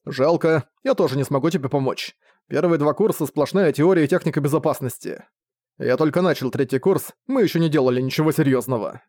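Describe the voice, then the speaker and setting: A man's voice: fairly high pitch, a little fast, darkish tone, dry recording, clean studio sound, lightly acted. A man voicing an irritable, determined young magic student who talks in a curt, dismissive way.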